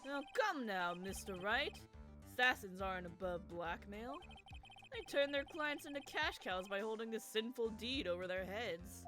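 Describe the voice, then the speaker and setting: A woman's voice: mid-range voice, expressive, normal speed, over music, natural voice. A woman voicing a video game villain, a smug young male superstar with a menacing gym bro drawl. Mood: boastful, menacing. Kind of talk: video game character read aloud.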